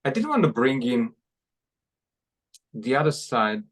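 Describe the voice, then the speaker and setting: A Hungarian podcast host, heard clearly, asks interview questions at a slow, deliberate pace in a middle pitch. He halts, restarts phrases and repeats words as he works toward each question, while sounding very animated and a bit bright.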